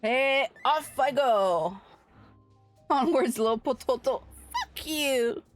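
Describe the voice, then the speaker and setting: Soft music plays in the background as a woman with a high, expressive voice takes her time speaking. She's livestreaming an online game and chatting loosely with viewers in a playful, foul-mouthed, informal manner.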